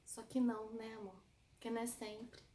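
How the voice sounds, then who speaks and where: A woman with a Brazilian Portuguese accent teaching an online spelling lesson, lively and chatty, calling her students "amor". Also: on the high side, moderate pace, echoey room, slight background noise.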